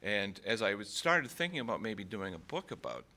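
Bright-voiced author from Maine, hesitant. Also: male voice, lowish voice, big pitch swings, normal speed. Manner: hesitant, many fillers and restarts. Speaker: author, guest. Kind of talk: conversational interview.

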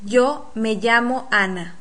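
A woman leads a pronunciation drill, speaking model sentences with deliberate care. Her pace is very slow, her voice bright and a little high, leaving plenty of room for the listener to repeat after her. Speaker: language teacher.

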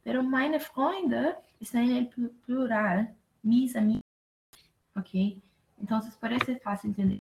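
A woman's voice: fairly high pitch, vocal fry, darkish tone, poor audio. A woman explaining German grammar in a casual lesson, hesitant and full of fillers. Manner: slow, hesitant, many fillers. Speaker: German teacher.

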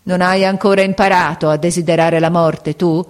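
A woman's voice: fairly low pitch, fairly even intonation, moderate pace, close to an everyday voice. A woman playing a sinister, scornful sick middle-aged woman. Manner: moaning in pain, mocking.

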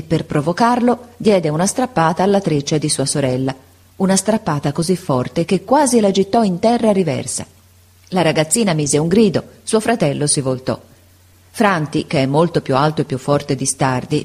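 A woman reading a classic story aloud in a measured, expressive audiobook narration. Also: lowish voice, breathy edge.

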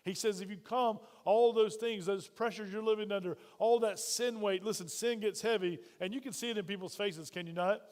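A man's voice: high-pitched, steady tone, brisk, few pauses, darkish tone, big-room sound. A man preaching a sermon, energetically calling out questions to his congregation. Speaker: pastor.

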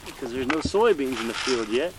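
A man's voice: mid-range voice, expressive, brisk. A man with a folksy, teasing manner, chatting casually outdoors as a hunting show host talking with his child. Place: outdoors in rural land. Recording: outdoor recording with faint noise.

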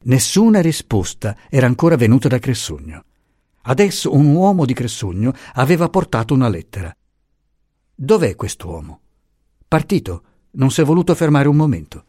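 A man narrating an audiobook chapter with expressive, dramatic storytelling. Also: medium pitch, normal speed, husky, dry recording, clean studio sound.

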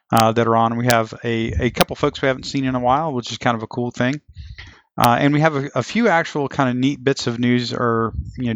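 Gravelly middle-aged man hosting a podcast. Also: mid-range voice, dry recording. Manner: folksy, joking. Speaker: podcast host. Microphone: online voice chat, close. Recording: dull, lo-fi voice chat.

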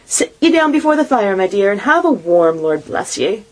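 A woman's voice: medium pitch, very animated, moderate pace, pitched above the performer's own voice, natural voice. A woman voicing a bustling, affectionate poor mother who fusses over her family, in a storybook reading. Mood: fussing. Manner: fussing, affectionate.

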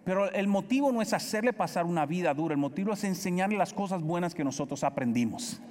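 Middle-aged Dominican pastor, loud and animated, high-pitched, preaching with long hall reverb. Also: male voice, fast. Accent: Dominican Spanish. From Dominican Republic. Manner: loud, animated storytelling, acts out family dialogue. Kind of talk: sermon.

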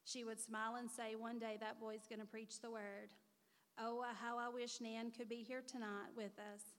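Woman, 40s, mother of the honoree. Earnest, heartfelt prepared speech, slightly high voice, long reverb of a church hall. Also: little pitch movement, normal speed. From Missouri. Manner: earnest, heartfelt, reading from notes.

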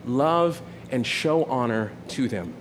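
A pastor in his forties delivers a sermon in a loose, conversational way, starting phrases over and checking in with the room as he goes. His voice sits at an ordinary middle pitch for a man. A faint noise runs underneath. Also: animated, slow. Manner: conversational, repeats "right?" often, many restarts.

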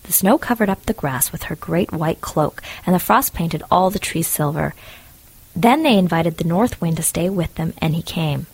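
Woman reading a fairy tale, calm and even, dry close sound. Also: fairly low pitch, moderate pace, slightly rough, no echo. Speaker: narrator. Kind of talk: storybook reading.

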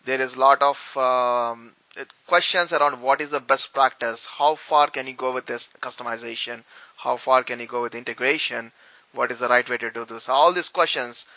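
A man's voice: medium pitch, fairly even intonation, normal speed, pushed and bright, no room sound, muffled recording. A man co-hosting a podcast interview, talking hesitantly with many ums and restarts. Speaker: podcast co-host.

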